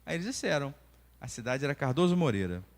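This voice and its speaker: A man's voice: medium pitch, fast. A Brazilian man in his forties teaching a church class as a doctor, telling stories and acting out the dialogue. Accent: Brazilian Portuguese. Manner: animated storytelling, acting out dialogue. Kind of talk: church lesson with personal stories. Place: church hall. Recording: long reverb of a church hall.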